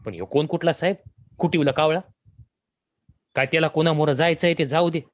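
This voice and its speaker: A man's voice: on the high side, steady tone, fairly quick, lightly acted. Man doing a defiant laborer. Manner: blunt, indignant. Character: defiant poor rural laborer man, proud.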